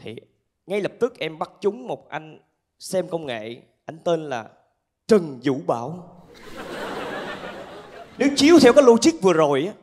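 Male stand-up comic, southern Vietnamese accent, high voice, animated storyteller on handheld mic. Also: unhurried, pauses often. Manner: animated storytelling with acted-out asides. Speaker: stand-up comedian. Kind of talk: stand-up comedy storytelling to a live audience. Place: theatre stage with laughing audience. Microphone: handheld microphone.

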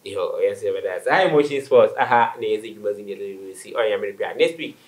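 A man's voice: on the low side, animated, fairly quick. A man with a Ghanaian West African accent, hosting a conversational sports interview in a studio. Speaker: sports show host. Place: small indoor studio. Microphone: studio microphone on table stand.

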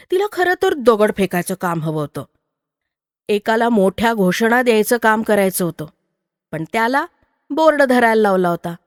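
A woman storyteller reading a written story aloud in a measured, expressive way. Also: on the high side, dry recording, studio quality, big-room sound. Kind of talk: scripted story narration.

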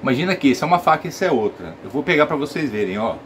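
Talking very fast with big swings in his medium-pitched voice, a Brazilian saxophone teacher walks viewers through a casual lesson step by step, checking they keep up. His accent is Brazilian Portuguese, and there's slight background noise.

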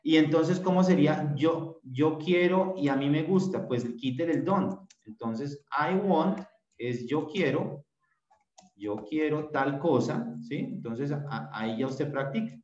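A man teaching an English class over a video call, repeating short phrases slowly so the students can copy them. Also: on the high side, darkish tone. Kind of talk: virtual class instruction. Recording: echoey room, dull lo-fi sound.

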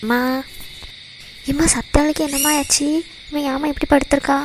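A woman's voice: high voice, fairly even intonation, normal speed, slight background noise, close to an everyday voice. A woman voicing an anxious young girl in a cartoon, asking pleading questions. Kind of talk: cartoon voice acting.

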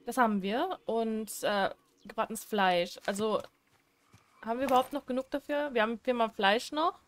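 Excitable young woman gaming streamer. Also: fairly high pitch, normal speed, a little hiss or hum. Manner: chatty, excitable, with loud squeals. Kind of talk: casual let's play commentary.

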